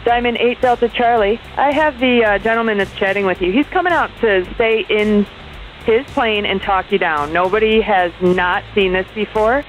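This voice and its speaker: A woman's voice: medium pitch, moderate pace. A woman working as an air traffic controller over the radio, speaking in clipped procedural phrases. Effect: aviation radio. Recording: dull lo-fi radio, faint music behind.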